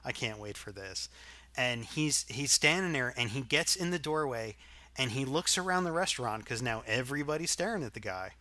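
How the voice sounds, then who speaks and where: Bright-voiced man telling a rambling story. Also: medium pitch, fairly quick, dry recording. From Arkansas. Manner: rambling, profane, animated storytelling. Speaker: podcast co-host. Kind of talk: casual storytelling chat.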